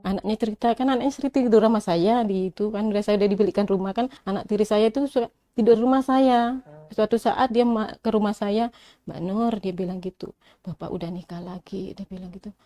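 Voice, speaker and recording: Warm-voiced middle-aged woman telling her story. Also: medium pitch, a little fast, no echo. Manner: retells arguments by quoting both sides in dialogue; conversational, with many restarts and asides. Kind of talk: casual personal storytelling.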